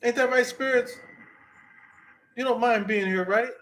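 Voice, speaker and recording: A man's voice: very high voice, measured pace, a bit bright, low-quality recording. A man hosting a livestream, chatting casually in a folksy, joking way to viewers and spirits. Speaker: livestream host.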